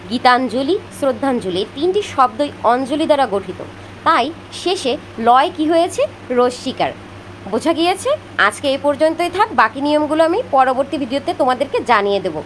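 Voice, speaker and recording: A woman's voice: high-pitched, fairly bright tone, a little hiss or hum, low-quality recording. A woman teacher explaining spelling rules step by step, reading out lists of examples and checking that her students follow. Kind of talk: spoken grammar lesson.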